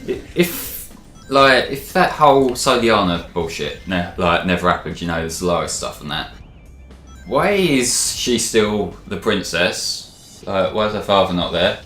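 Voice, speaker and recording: A man with a low, very lively voice chats his way through a let's play, rambling and laughing as he goes. His voice bounces around a roomy, echoey space, with faint game music playing underneath. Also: measured pace. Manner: rambling, laughs often, lots of "like". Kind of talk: casual gaming commentary.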